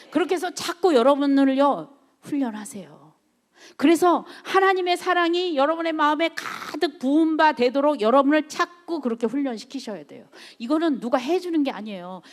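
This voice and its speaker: A woman missionary preaching an evening worship sermon, often asking for an amen and acting out the self-talk she urges on listeners. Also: high-pitched. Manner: call-and-response, repeatedly asking the congregation for amen; acts out inner self-talk in quoted lines.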